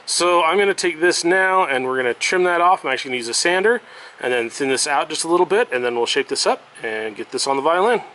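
A man who repairs violins, explaining each step of a workshop tutorial in a relaxed, step-by-step way while working at his bench. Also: on the high side. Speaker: violin maker.

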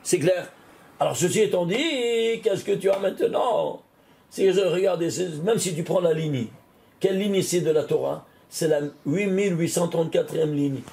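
A man's voice: high voice, normal speed, vocal fry. A man, a rabbi, teaching a recorded Torah class, putting questions to his listeners and answering them himself. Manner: asks questions and answers them himself, animated rise and fall.

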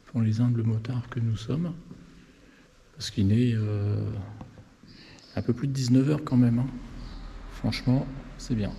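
A man in his fifties, a motorcycle vlogger, chats straight to the viewer while exploring the inside of a stone church and its tower, marvelling and pointing things out in casual walking-tour commentary. His mid-range voice is warm and steady, with vocal fry, an unhurried pace and frequent pauses. It's recorded on a close-held action camera with a little hiss or hum.

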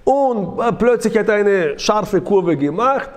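A rabbi telling a parable to an audience, asking listeners questions and adding sound effects. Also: male voice, high-pitched, animated, a little slow.

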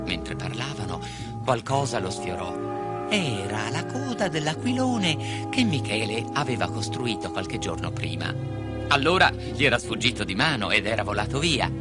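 Lively storyteller guy, reads a fairy tale with lots of pitch movement, music playing under him. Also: moderate pace. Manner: expressive, shifting into character voices. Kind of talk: scripted storybook narration. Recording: music behind the voice.

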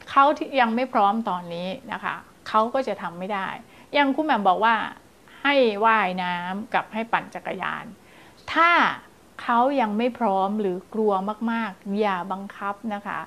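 In a small indoor studio before a blue backdrop, a child development teacher in her thirties advises parents to camera through a lapel mic. Her mid-range voice moves at normal speed, and she's animated, sometimes acting out scary and playful story voices to demonstrate.

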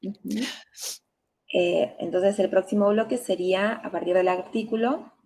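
A woman's voice: mid-range voice, steady tone, measured pace, mellow. Hesitant woman student with fillers. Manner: hesitant, many fillers, mixes Spanish with English phrases. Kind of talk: class participation.

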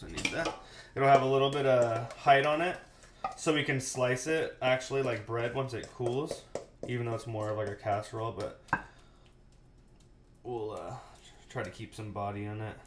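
Cooking in his small home kitchen, a man in his thirties chats casually and replies to live chat as a cooking show host. He speaks at medium pitch, in a steady tone and moderate pace. The room echoes, the kitchen is noisy with running water, and a fixed camera mic picks him up as he moves.

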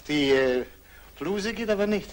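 An actor playing a charming male painter who courts a young woman, with a soft, persuasive manner, in old German film acting. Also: high voice, expressive, unhurried, a little hiss or hum.

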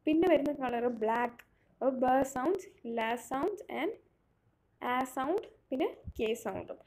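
A woman leads a phonetics lesson in a slightly high voice. She sounds out each word piece by piece, with steady, patient explanations. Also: measured pace. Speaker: phonetics teacher.

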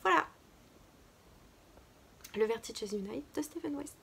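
Hesitant French-speaking woman with a gravelly edge. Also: a little high, expressive, takes it slowly, bright, forceful tone, slight background noise. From France. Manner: hesitant, many fillers and restarts. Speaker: podcast co-host. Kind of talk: casual chat about knitting.

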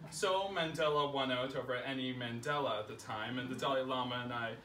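A young adult performs a comic personal essay aloud for a small audience seated in someone's living room, hamming it up with a projected, pompous, carefully paced delivery. His voice is mid-pitched, bright, and strained. The audio, from a camera mic across the room, is echoey with a touch of noise.

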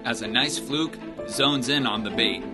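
A man's voice: mid-range voice, unhurried. Male fishing guide over background music. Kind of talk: outdoor fishing how-to presentation.

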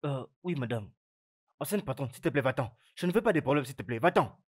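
A man's voice: mid-range voice, lively intonation, fast, husky. A man dubbing an anxious, deferential gatekeeper who serves a household, in a French-dubbed film. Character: nervous male gatekeeper servant.

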